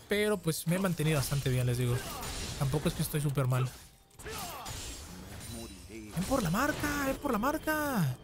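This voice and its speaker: A man giving casual, excitable gameplay commentary, often taunting opponents in a sing-song voice. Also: on the high side. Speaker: gaming streamer. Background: background music.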